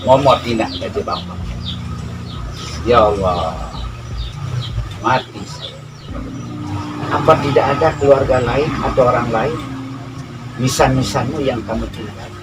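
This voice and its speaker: A man explaining a local custom in casual storytelling, acting out quarrelling relatives in lively voices. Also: medium pitch, measured pace, pauses often, recorded from a distance, very noisy.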